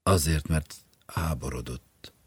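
A man's voice: a bass voice, big pitch swings, breathy edge, no echo, heavily acted. A man reading the lines of a cold, scornful wife who speaks with contempt, in an audiobook.

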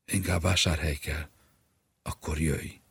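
A man's voice: a bass voice, steady tone, gravelly, fairly bright tone, husky, full character voice. A man reading the lines of an anxious male friend who urgently pleads and comforts, in an audiobook. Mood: soothing. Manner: urgent, imploring.

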